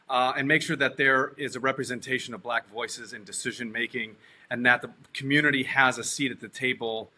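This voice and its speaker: Male candidate, sharp forceful voice, mid pitch, crisp policy answer. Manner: brisk, list-like policy talk. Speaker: gubernatorial candidate. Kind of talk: forum answer.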